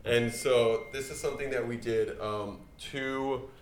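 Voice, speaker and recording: A man's voice: mid-range voice, steady tone, unhurried. Young male co-host, casual rambling storyteller; roomy sound with light noise. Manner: rambling storyteller, frequent restarts and word slips. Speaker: podcast co-host. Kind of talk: casual chat. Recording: echoey room, faint noise.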